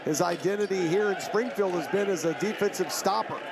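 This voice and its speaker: A man's voice: sits high, a little fast, gravelly. A man giving conversational, opinionated color analysis during live basketball commentary in an arena. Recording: crowd noise from basketball arena.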